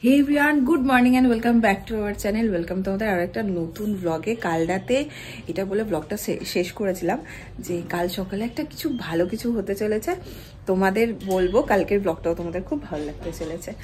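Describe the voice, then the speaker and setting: A woman vlogging casually at home about a family birthday, speaking softly. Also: mid-range voice, moderate pace, a little hiss or hum. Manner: hushed, soft-spoken narration. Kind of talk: casual vlog chat.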